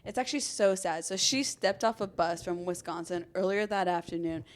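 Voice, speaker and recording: Telling a true crime tale on her podcast, a young woman from Arizona, United States, keeps things informal and chatty. She speaks at a moderate pace in a lowish voice.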